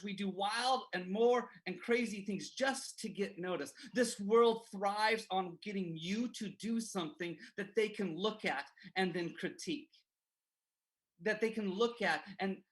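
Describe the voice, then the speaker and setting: A man giving a devotional as an animated story, full of self-mocking humor, on a livestream. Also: sits high. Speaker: devotional speaker.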